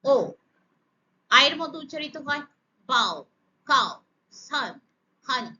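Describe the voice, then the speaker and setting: A woman teaching English pronunciation, slowly spelling out letter sounds one by one in a deliberate, emphatic way. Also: sits high, lively intonation, sharp tone, muffled recording. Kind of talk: slow, deliberate pronunciation lesson.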